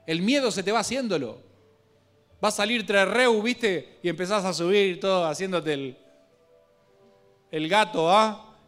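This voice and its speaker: A man with a Guatemalan Spanish accent preaching a sermon, telling a Bible story with local slang and humor, moving between hushed reading and louder bursts. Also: sits high, measured pace, pauses often, faint music behind.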